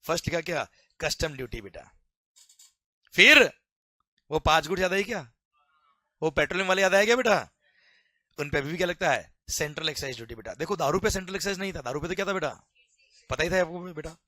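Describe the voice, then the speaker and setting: A man with an Indian accent teaching a tax lecture to students, animated and jokey, mixing English terms into his talk and keeping check that they follow. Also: a little high, brisk, long pauses, no room sound. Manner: keeps asking "is it clear?". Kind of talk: classroom lecture.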